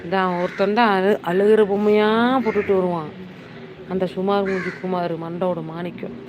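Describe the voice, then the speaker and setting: The voice is a woman's, fairly low in pitch and flat in delivery, at a normal speed. She's middle-aged, hosting a casual live stream from a Nilgiris hill town, chattering, teasing and exclaiming while reading viewer comments into her phone. The sound is lo-fi, with background noise.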